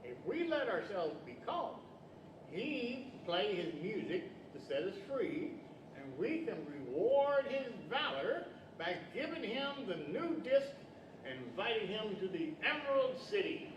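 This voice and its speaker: A man's voice: high voice, very animated, a little slow, muffled recording. A man playing a courtly, scheming, kindly wizard in a 1940s-style radio play on stage, with theatrical delivery. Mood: commanding, courtly. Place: large indoor library event hall, live stage. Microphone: stand mics, distant pickup. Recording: echoey hall, distant mic, background noise.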